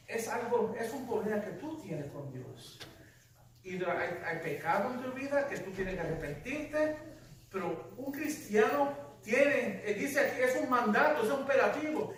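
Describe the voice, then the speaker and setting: A man's voice: high-pitched, slight background noise. A man preaching a sermon as pastor, emphatic and full of rhetorical questions. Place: church sanctuary. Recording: echoey church hall, distant mic.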